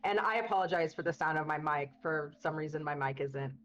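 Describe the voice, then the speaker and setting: A woman's voice: deep voice, brisk. A woman doing casual, upbeat race commentary, her voice coming through a built-in webcam mic that sounds like she is in a tunnel. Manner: upbeat, chatty, many fillers. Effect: muffled webcam mic that sounds like a tunnel.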